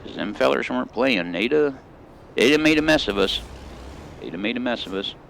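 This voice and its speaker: A man's voice: medium pitch, lively intonation, a little fast, vocal fry, fairly bright tone, slight background noise. Folksy middle-aged man telling stories. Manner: folksy, rambling drawl with country grammar. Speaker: gaming channel host. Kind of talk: storytelling while playing a driving game.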